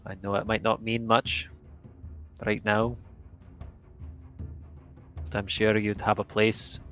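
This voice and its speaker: A man voicing an earnest, steady soldier in a tabletop roleplay, his mic cutting out into glitching audio. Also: fairly low pitch, slow pace, soft background music.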